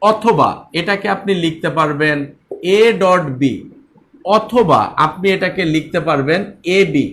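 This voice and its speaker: A man's voice: high-pitched, fairly bright tone. A man teaching an online class in a Bangladeshi Bengali accent, repeating key points and speaking straight to his students.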